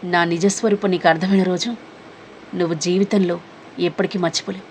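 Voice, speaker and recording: Woman voicing a calm mysterious young man. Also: a little hiss or hum, lightly acted. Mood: calm, teasing. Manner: quiet, low and measured.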